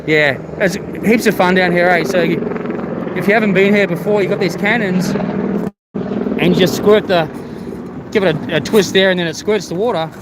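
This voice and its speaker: A man's voice: high voice, moderate pace. A man with an Australian accent, his voice muffled by a face mask, chatting casually as host of a live vlog and greeting viewers. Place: outdoors at a theme park. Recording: outdoor ambient noise, vehicle sounds.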